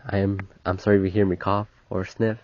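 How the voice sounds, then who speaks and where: A man's voice: low voice, level tone, fairly quick. A young man with a cold, hosting a casual solo podcast, rambling and correcting himself as he goes. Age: young adult. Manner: rambling, self-correcting, chatty. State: sick, stuffy nose. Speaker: podcast host, college student. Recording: muffled lo-fi sound.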